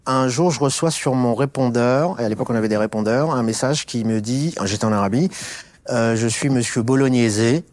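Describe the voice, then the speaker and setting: A man's voice: mid-range voice, fairly quick, no room sound. A middle-aged man from Alsace, a guest in a conversational interview, telling his story with many fillers and restarts. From France (Alsace). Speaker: interview guest, business executive.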